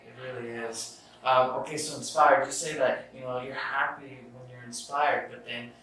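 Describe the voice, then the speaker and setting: A man's voice: medium pitch, steady tone, normal speed, bright, forceful tone. Rambling young man, echoey and distant. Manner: rambling, restarts, swears casually. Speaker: podcast host. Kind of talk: casual self-help chat. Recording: echoey room, far from the mic, faint noise.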